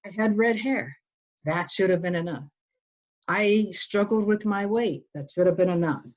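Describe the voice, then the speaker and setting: On dull, lo-fi audio, a middle-aged woman from Northern Ireland shares her story as an interview guest. She talks in a medium pitch at normal speed, earnest and storytelling, restarting her sentences many times in this conversational exchange.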